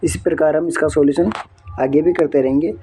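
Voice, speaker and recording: A man's voice: fairly high pitch, fairly even intonation, brisk, mellow, faint music behind. A man working through an exam answer key step by step, often checking in with his viewers. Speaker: exam tutor.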